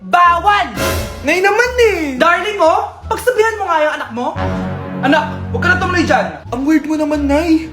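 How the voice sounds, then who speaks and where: A woman's voice: extremely high pitch, a little fast. A woman performing comic skits on her own, switching between gossiping, scolding and pleading voices. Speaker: creator voicing every character in comic skits. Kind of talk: comic skit dialogue. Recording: roomy echo with music behind.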